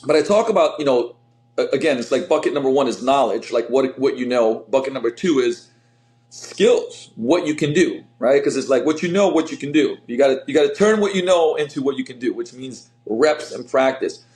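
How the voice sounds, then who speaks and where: A middle-aged man from Slovenia talks in a casual interview, full of energy and fillers, restarting his sentences as he goes. His voice sits at an ordinary pitch. The room gives it a noticeable echo. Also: fairly quick. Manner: energetic, rambling, lots of fillers. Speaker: fitness coach, guest. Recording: roomy echo.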